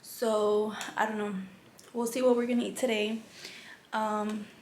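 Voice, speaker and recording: A woman's voice: mid-range voice, flat delivery, unhurried, a little mellow. Rambling young woman vlogger, echoey room. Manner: rambling, candid, lots of "like". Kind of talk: casual chat. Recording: echoey room, faint background hum.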